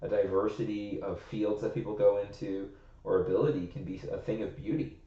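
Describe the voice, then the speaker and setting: Speaking briskly in a lowish, fairly even voice, a young American co-host rambles through casual podcast chat, thinking out loud and using "like" constantly. The sound is roomy and slightly muffled.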